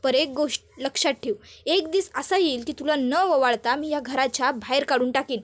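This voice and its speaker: A woman voicing a resentful, scheming village mother-in-law with rustic speech and a low, grudging tone. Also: moderate pace, natural voice.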